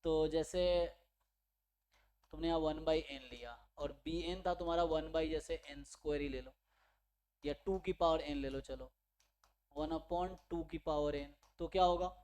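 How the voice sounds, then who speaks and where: A man's voice: a little high, steady tone, measured pace, darkish tone, smooth. A man teaching a maths lecture for exam preparation, explaining step by step and checking in with his students. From India. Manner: explains step by step, mixing English terms and checking in with listeners. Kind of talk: online exam-prep lecture.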